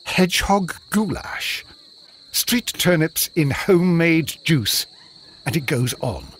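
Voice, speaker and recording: A respectable Victorian doctor in a video game, fussy and indignant, with an English accent. His voice runs a little high and swoops with exasperation, yet his delivery is slow and measured. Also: expressive, a little hiss or hum. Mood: disgusted.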